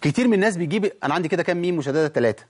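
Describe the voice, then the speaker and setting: A man with an Egyptian accent teaching tajweed on a TV show, lively, talking straight to the viewers and drawing out sounds slowly to demonstrate them. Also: a little high. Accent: Egyptian Arabic. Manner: lively explaining, addresses the audience directly. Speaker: Quran recitation teacher.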